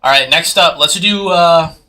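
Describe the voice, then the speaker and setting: Guy hosting a live card break, super bright sharp voice, hyped quick bid calling. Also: fairly high pitch. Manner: hyped, fast auction patter. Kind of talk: live sales commentary.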